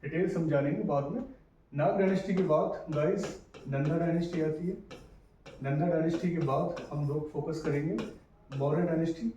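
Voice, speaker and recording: Male history tutor, slightly high and mellow voice, repetitive and conversational, recorded off-mic in a very echoey room with faint hiss. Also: steady tone, moderate pace, far from the mic, muffled recording. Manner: repetitive, checks in with "clear guys?". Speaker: history teacher. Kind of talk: casual exam-prep lecture.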